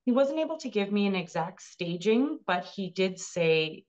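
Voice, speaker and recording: Very animated and at a medium pitch, a woman in her thirties relates her experience as a cancer patient during an interview. She talks at normal speed, earnest and emotional, though the recording is muffled.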